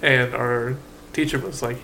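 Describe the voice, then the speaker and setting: A man's voice: mid-range voice, fairly even intonation, a little slow, gravelly, bright, forceful tone, slight background noise. A man co-hosting a podcast in casual chat, telling stories animatedly and teasing his friends. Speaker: podcast co-host.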